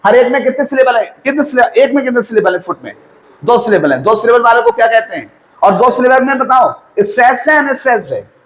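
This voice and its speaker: A man's voice: extremely high pitch, lively intonation, quick pace, a bit bright, echoey room, a little hiss or hum, poor audio. A male teacher giving a lesson, quizzing students and answering his own questions, mixing Hindi with English terms. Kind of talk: classroom lecture.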